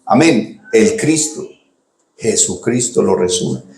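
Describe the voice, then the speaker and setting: A man with a Colombian accent preaching a sermon as a pastor. He talks conversationally, calls listeners "hermano", asks "¿cierto?" to check they follow, and jumps high and loud when he acts out quoted cries. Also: expressive, slow. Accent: Colombian Spanish. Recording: roomy, echoey sound.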